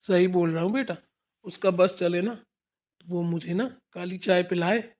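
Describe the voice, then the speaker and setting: Slow-talking cartoon father-in-law, voiced. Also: mid-range voice, a little mellow, natural voice. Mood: teasing. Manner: slow, teasing. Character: joking old father-in-law. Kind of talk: cartoon voice acting.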